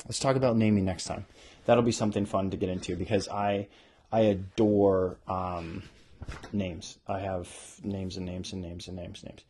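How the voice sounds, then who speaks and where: A man talking casually as an author hosting a podcast, animated and often interrupting himself as he thinks aloud. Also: sits low, moderate pace. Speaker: author hosting a podcast about their own book. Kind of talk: casual rambling talk with bits read aloud.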